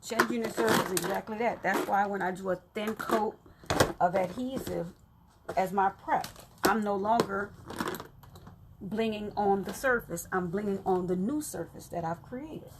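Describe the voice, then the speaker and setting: Chatty woman with a gravelly voice. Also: mid-range voice, moderate pace, heavy background noise. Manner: chatty, talks to viewers while working, laughs often. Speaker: crafter explaining her methods. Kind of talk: casual tutorial chat.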